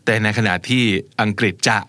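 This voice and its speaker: A Thai man teaching English pronunciation, explaining in Thai and slowly modelling English words for the learner to repeat. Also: bright, forceful tone, no room sound. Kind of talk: bilingual pronunciation lesson.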